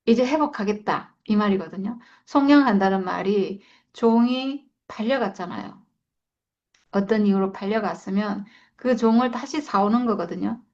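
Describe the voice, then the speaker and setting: A woman's voice: medium pitch, moderate pace, darkish tone. A woman leading a Bible study, reading verses and explaining them in a reflective, repeating way. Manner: reflective, repeats and stresses points. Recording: slightly dull lo-fi sound.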